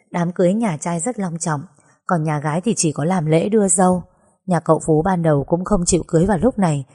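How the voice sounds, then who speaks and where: Husky-voiced woman narrating a sad story. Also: low-pitched, warm tone. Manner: sorrowful, measured storytelling. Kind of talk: first-person story reading.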